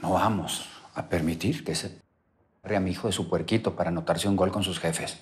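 Low-voiced indignant father, played by a man. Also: fairly even intonation, fairly quick, natural voice. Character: indignant, protective powerful father. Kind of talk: naturalistic telenovela acting.

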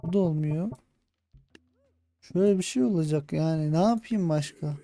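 A gaming channel host with a Turkish accent provides let's play commentary on his own strategy game. His fairly high, warm voice moves at a normal pace as he mutters his plans and talks himself through tactics, becoming more frustrated each time an attempt fails.

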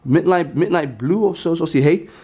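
A man's voice: on the high side, normal speed, warm tone, slightly rough, highs cut off. A man vlogging casually in slang mixed with Arabic and English, bossy and bantering. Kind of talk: casual vlog chat. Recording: noisy handheld vlog audio.

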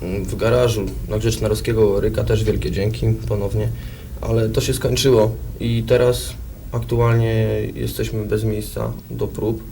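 Young guy from a band, low mellow voice, rambles a bit, old hissy 90s tv tape. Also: level tone, normal speed, gravelly. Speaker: rock band musician, interview guest. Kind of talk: casual interview talk. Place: TV studio. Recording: noisy 1990s TV studio tape.

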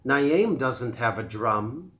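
A man voicing a proud, possessive male leopard in a storybook reading, giving loud, curt replies. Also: mid-range voice, expressive, slow. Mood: boastful.

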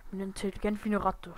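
A woman giving casual gameplay commentary on a desk microphone, muttering and whispering asides to herself, now and then bursting into loud startled shouts. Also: mid-range voice. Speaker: let's play gamer. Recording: noisy home mic with hiss and clicks.

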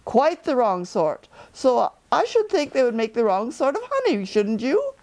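A woman voicing an earnest, anxious little toy bear in a children's storybook, speaking in deliberate, slightly pompous phrases. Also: a little high, sing-song, darkish tone, voice pushed up. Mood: decided. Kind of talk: children's storybook read aloud.

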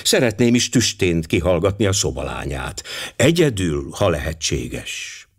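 A man voicing a fastidious, courteous male detective in an audiobook, formal and measured. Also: sits low, very animated, breathy edge, heavily acted. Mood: courteous questioning.

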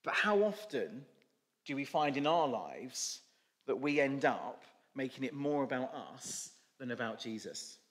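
A man's voice: medium pitch, sing-song, measured pace. A male preacher giving a sermon, telling a story with informal asides. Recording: echoey church hall.

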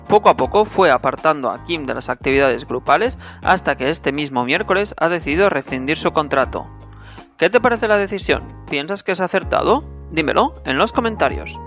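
A man hosts a scripted entertainment news roundup for a Korean channel, addressing viewers directly as presenter. His voice is fairly high-pitched and fairly bright, with music playing underneath.

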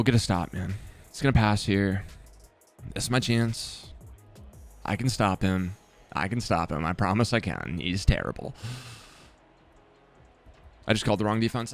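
A young man giving casual, self-mocking commentary on his football video game, swearing often and swinging from excited yelling to low mumbling. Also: normal speed, pauses often, faint music behind. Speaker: gaming YouTuber.

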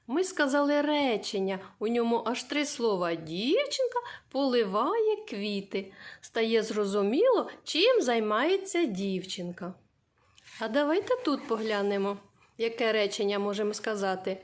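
A woman teacher giving a literacy lesson to young children, asking simple questions and answering them herself. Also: a little high. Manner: slow, sing-song questions to small children. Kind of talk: early-years literacy lesson.

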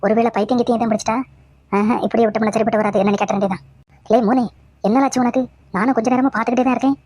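A woman's voice: on the high side, steady tone, very fast, a little mellow, slightly rough, no room sound. A woman voicing a nagging cartoon mother-in-law. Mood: suspicious. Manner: scolding, repetitive nagging. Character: scolding middle-aged mother-in-law, nagging and fussy. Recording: dull lo-fi dry audio.

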